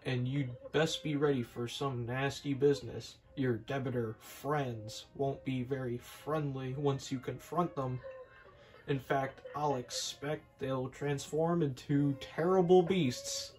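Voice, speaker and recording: A wise old kettle mentor, as a man puts him on, speaking slowly in a low, soft and grave voice. Faint music plays behind him. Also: steady tone, natural voice, low-quality recording.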